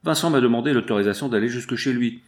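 A man's voice: medium pitch, quick pace, natural voice. A man reading the part of a stern, curt factory foreman in an audiobook. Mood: reproachful. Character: stern male factory foreman, rough-voiced.

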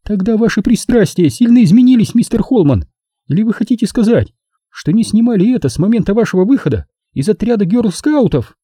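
A man reading an audiobook and voicing a jealous, sharp-tongued young woman who talks in a shrill, sarcastic, accusing way. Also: expressive, fairly quick, husky, dry recording, studio quality. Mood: indignant.

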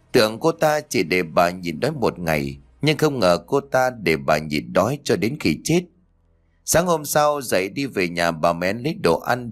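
A man narrating a ghost story in a steady storytelling manner. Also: on the low side.

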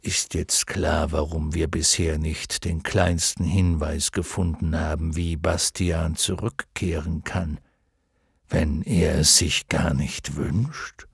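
A man voicing a wise, solemn male luck dragon in an audiobook, speaking slowly and gravely. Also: very deep voice, steady tone, no room sound, clean studio sound, pitched below the performer's own voice, full character voice. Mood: calm. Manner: slow, grave, almost ceremonious. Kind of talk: audiobook character voice.

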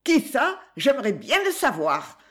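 A woman voicing a surly, quick-tempered working-class wife who answers back sharply. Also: very animated. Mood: defiant. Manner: sharp, shrill retorts.

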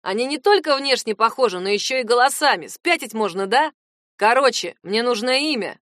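A woman voicing a nosy, hotheaded young male cousin who keeps pressing with loud, insistent questions. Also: on the high side, lively intonation, fairly quick, no echo, clean studio sound. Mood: scheming, mocking.

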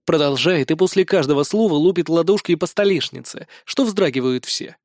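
A man with a notably high voice narrates a first-person fantasy story. He reads wryly and colloquially, slipping in mild curses. The sound is bone-dry and close. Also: brisk, darkish tone, no echo. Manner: wry, colloquial, with mild swearing. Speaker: audiobook narrator.

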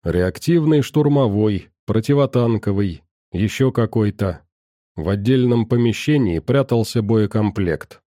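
Male audiobook narrator, calm first-person storytelling, dark mellow tone, dry close recording. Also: lowish voice, measured pace, no room sound.

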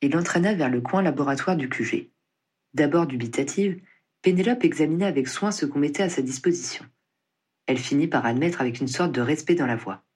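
A reader narrating a story in a steady, husky voice. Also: mid-range voice, a little fast. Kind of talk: scripted audiobook narration.

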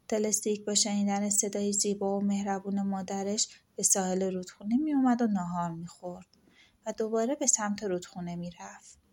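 Audiobook narrator, woman, calm gentle fairy-tale reading. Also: medium pitch.

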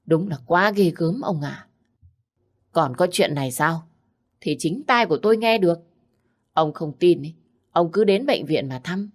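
A woman voicing a scheming middle-aged stepmother who nags and wails, with a low voice. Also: lively intonation, measured pace, pauses often.

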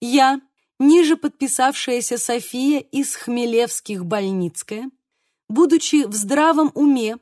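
A woman voicing an excitable, solemn man who reads a will aloud and takes offence easily. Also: high voice, slow, no room sound, studio quality. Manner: solemn reading, bursts of indignant shouting.

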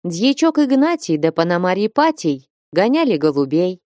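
Brief: a woman narrator for an audiobook, lively intonation, dry close sound. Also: fairly low pitch, normal speed, no echo. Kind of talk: audiobook reading of classic prose.

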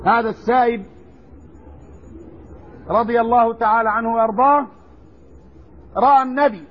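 A man teaching a recorded religious lesson, explaining slowly and deliberately and stressing word forms. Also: very high voice, steady tone. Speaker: Islamic scholar teaching hadith. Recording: dull lo-fi lecture recording.

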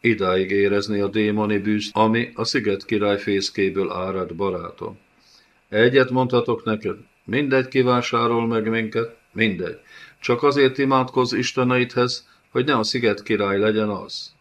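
A man's voice: lowish voice, fairly even intonation, natural voice. A man voicing a small, bald, crafty male prisoner who talks in a fawning, wheedling way.

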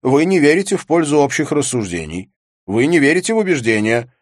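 A man voicing Rudin, an eloquent and confident young debater who speaks in a calm, forceful, lecturing way in an audiobook. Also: a little high, brisk, dry recording, studio quality, voice pushed up. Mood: confident arguing. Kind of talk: audiobook character reading.

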